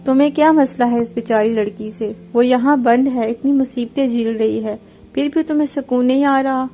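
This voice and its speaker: A woman's voice: high voice, dark tone. Woman reading as a cowardly young man. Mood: scolding. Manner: scolding then begging. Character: cowardly young man, servant-commanding then pleading.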